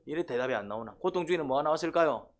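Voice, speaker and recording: Man, pastor, sermon, question-and-answer delivery, slightly high voice. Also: lively intonation, very fast. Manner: quizzes the congregation, repeated "eh?" prompts.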